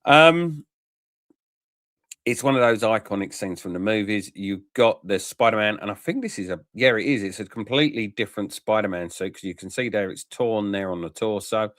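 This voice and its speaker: A man gives a plain-spoken, casual review in a lowish voice. He chats frankly and tags questions onto his remarks. The recording is dry and close, with no room sound. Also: moderate pace, fairly bright tone, no echo. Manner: frank and chatty, with tag questions and many "um" fillers. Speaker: toy collector reviewer.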